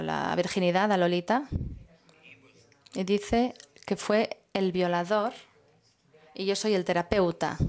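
A woman serves as simultaneous interpreter at a public talk, speaking in a smooth, medium-pitched voice with a darkish tone. She works in measured phrases, pausing as she looks for each next word.

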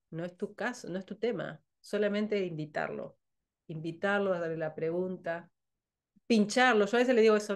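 A woman with a Rioplatense Spanish accent, from Argentina, giving a blunt, provocative motivational talk as a sales coach. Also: mid-range voice. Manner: blunt, provocative, laughs often.

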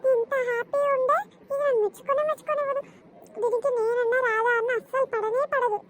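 A woman's voice: very high voice, fairly even intonation, fast, crowd noise. A woman voicing an elder daughter-in-law in a cartoon, polite to her face but grumbling on the side. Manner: polite, grumbling under breath.

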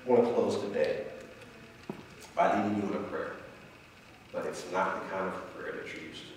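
Low-voiced male preacher in a booming, echoey church. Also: normal speed, heavy background noise. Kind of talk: sermon. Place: church stage, indoors. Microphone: headset. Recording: very echoey hall, distant, loud music. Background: instrumental music.

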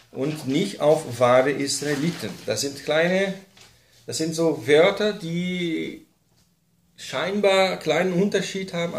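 A man teaches a Bible class in an echoey room. He explains step by step and keeps checking in with "ne?". His voice sits at a middle pitch. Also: a little hiss or hum. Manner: explains step by step with many fillers and tag questions.

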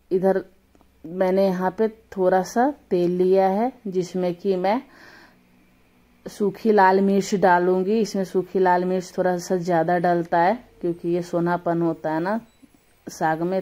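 A woman's voice: on the low side, dark tone. A woman with a slightly sore throat hosting a casual home cooking tutorial in her kitchen, chatting homely and correcting herself as she goes. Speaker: cooking channel host.

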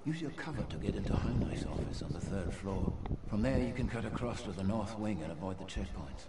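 An actor playing a nervous male resistance contact in a video game, talking in a hurried, urgent way. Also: lowish voice, expressive. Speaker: game character. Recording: distant voice with noise.

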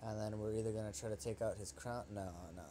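Young male gamer, lowish voice, cocky trash-talk play-by-play, faint hum under the mic. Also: fast. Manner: trash-talking, excitable, swears at opponent. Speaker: gaming channel host. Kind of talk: live gameplay commentary.

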